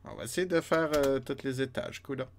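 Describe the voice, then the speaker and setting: A man's voice: medium pitch, brisk, slight background noise. A man with a Québécois French accent streaming a retro game live, muttering step counts and chatting with his viewers. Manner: counts steps under his breath, chats with viewers. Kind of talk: live let's play chat.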